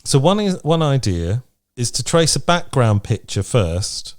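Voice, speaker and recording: Reading out from a list between bits of casual chat, a British podcast co-host sounds frank and playful. His medium-pitched voice is sing-song and a little slow.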